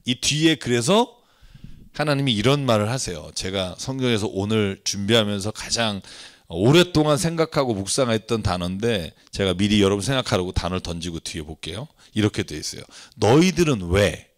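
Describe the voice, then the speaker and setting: A man's voice: lowish voice, lively intonation, a little fast. A male pastor teaching from the Bible in a sermon, often turning to the congregation with questions. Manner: engaging, asks the congregation questions.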